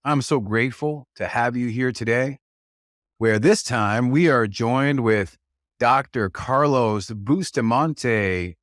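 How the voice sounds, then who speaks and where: A man's voice: mid-range voice, fairly bright tone, dry recording, studio quality. A man hosting a podcast, reading an earnest scripted welcome and then chatting casually with his guest. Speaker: podcast host.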